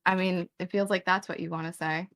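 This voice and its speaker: Speaking briskly in a fairly low, steady, somewhat bright voice, a thirty-something woman argues fiercely as an online debate guest. She sounds exasperated, swears, and repeatedly talks over him.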